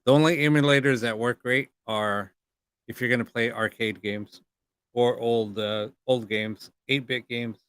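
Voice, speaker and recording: A man hosting a casual live ghost hunting session, talking informally and haltingly and putting questions to spirits. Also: mid-range voice, fairly even intonation, fairly bright tone, smooth, no echo.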